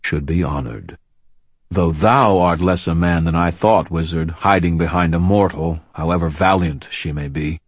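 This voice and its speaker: A man voicing a rumbling, solemn fae giant. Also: moderate pace, husky, no echo. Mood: grave. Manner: rumbling, archaic formal speech. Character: enormous horned male fae brute, solemn, menacing. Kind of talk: audiobook character voice.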